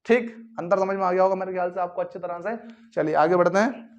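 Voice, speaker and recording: High-pitched guy teaching a class, keeps repeating stuff and quizzing students, muffled lo-fi audio. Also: quick pace. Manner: repetitive, drills sounds aloud, asks students questions. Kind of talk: classroom lesson. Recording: dull lo-fi recording.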